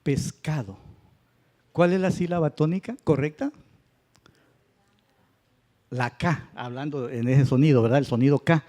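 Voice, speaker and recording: A man's voice: fairly high pitch, unhurried, long pauses, dark tone. A man teaching a Spanish grammar class, patient and checking understanding with tag questions. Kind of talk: classroom lecture. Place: church classroom.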